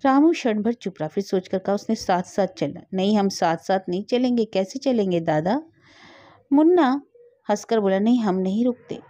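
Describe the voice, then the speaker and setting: Woman reading a story in a mellow voice. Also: mid-range voice, expressive, normal speed, no room sound. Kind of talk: scripted story narration.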